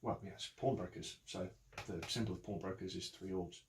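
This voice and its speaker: A man's voice: sits low, fairly quick, background noise. A man narrating scenes as game master, in a matter-of-fact way.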